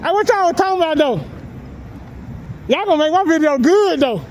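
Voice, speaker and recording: A man's voice: very high-pitched, animated, moderate pace, slight background noise, poor audio. A man filming police on a public sidewalk, taunting and mocking them in confrontational street talk, laughing often, picked up by the handheld camera he films with.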